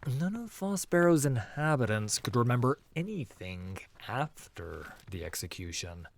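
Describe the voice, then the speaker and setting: Narrating a fantasy audio drama, a man speaks in a creaky, sing-song mid-range voice, keeping a solemn, measured, dramatic delivery. His phrase endings fade down to a hush.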